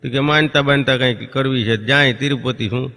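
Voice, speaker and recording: With a medium-pitched, steady voice that's gravelly and sharp, a man delivers folk comedy on stage. He spins stories and quickly impersonates neighbours and children, and the stage hall lends a long reverb.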